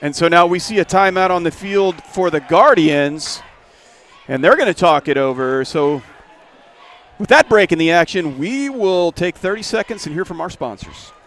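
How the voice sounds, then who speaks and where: A man doing play-by-play of a high school football game from a stadium press box, folksy and relaxed. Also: normal speed. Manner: folksy, relaxed, rises when a play starts. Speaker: play-by-play announcer.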